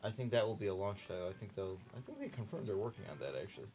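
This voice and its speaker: A man's voice: on the low side, lively intonation, racing, a little mellow. A young man chatting casually while he plays through a game on a long marathon stream, joking with the on-screen characters. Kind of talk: casual gaming chat during a marathon stream.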